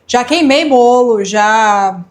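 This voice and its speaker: Chatty woman vlogger, fairly high voice. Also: expressive, takes it slowly. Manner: chatty, confiding, often addresses viewers as "gente". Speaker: lifestyle vlogger. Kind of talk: casual chat to camera.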